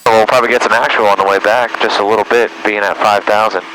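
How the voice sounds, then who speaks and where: A man's voice: lowish voice, steady tone, fast talker, sharp tone. A man working as a flight instructor, chatting casually and explaining things over a headset intercom in a small plane. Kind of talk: casual instructional cockpit chat. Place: small aircraft cockpit in flight. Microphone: aviation headset intercom. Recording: noisy cockpit intercom, engine drone.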